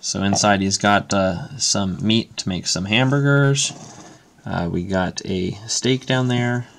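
Man, low-pitched, gravelly, relaxed show-and-tell, lots of fillers, indoors behind camera. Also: slow, a little hiss or hum. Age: adult parent. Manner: relaxed, many "uh" fillers, listing items. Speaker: Lego builder showing his model. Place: indoors at a table.

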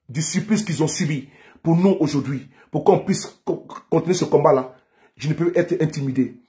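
A man's voice: a little high, a little mellow. A man from Côte d'Ivoire, a political activist delivering a fiery, declamatory monologue from home and repeating phrases for emphasis.

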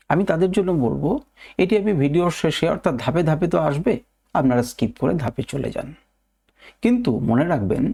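A middle-aged man gives a lesson, with a gravelly, husky and mellow voice. His pitch moves up and down a lot. He stresses his key words by repeating them and asks his listeners questions he then answers. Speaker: trading teacher. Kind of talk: lecture video.

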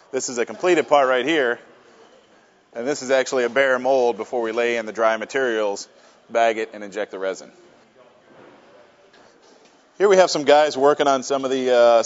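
A man's voice: mid-range voice, lo-fi sound. A man leading a casual walking tour of a workshop, friendly and plain-spoken with frequent fillers. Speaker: company tour guide. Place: workshop and offices, indoors.

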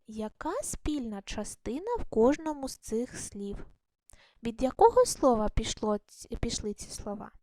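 A woman teaching a primary school video lesson, speaking slowly and clearly to children in an encouraging way. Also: a little high, a little mellow, no echo. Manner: slow, clear, encouraging classroom delivery.

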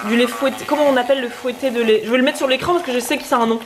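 A young woman's high voice comes out rapid-fire against crowd noise. She's a lively vlogger co-host chatting casually to the camera from her home kitchen, walking through breakfast as she cooks it.

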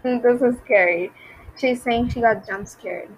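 A woman's voice: a little high, a little slow, husky, poor audio. A young woman giving nervous game commentary, repeating herself and reacting to jump scares. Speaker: gaming YouTuber.

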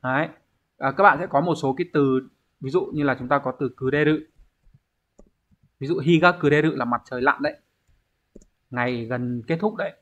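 A man's voice: mid-range voice, moderate pace, long pauses, a bit bright. A man teaching an online exam review lesson, explaining step by step and often checking in with his students. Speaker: Japanese teacher. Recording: dull lo-fi recording.

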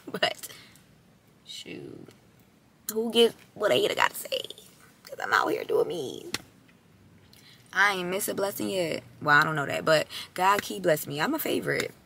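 A hoarse young woman talks to her camera in a casual, slangy vlog, playful and sassy. Her voice sits low and gravelly with a bright, sharp edge, and she keeps clearing a raspy throat. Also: sing-song, moderate pace, a little hiss or hum. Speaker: vlogger.

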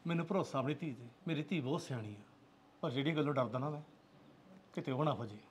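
An actor playing a stern village father who is strict about his daughter's honor and speaks gruffly in a Punjabi accent. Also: mid-range voice, fast talker, a little hiss or hum, lightly acted. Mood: earnest. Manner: gruff, commanding, softens to pleading. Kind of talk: village drama acting.

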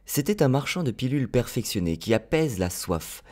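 A man narrating an audiobook in an expressive storytelling manner. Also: mid-range voice, brisk. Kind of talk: audiobook reading.

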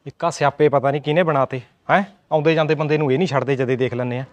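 A man playing a gruff old father-in-law. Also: a little high, fairly even intonation, rapid-fire, natural voice. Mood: bickering. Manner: scolding, bickering. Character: older male father-in-law, gruff but kindly. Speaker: actor. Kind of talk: amateur short-film acting.

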